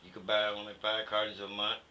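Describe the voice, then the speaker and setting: Bright, forceful older American veteran remembering. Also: male voice, lowish voice, completely flat delivery, fast talker. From United States. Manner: old veteran remembering, blunt and opinionated; colloquial, emphatic, punctuated with "you know". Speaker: interviewee, Vietnam War veteran. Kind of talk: conversational interview, recollecting. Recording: faint background noise.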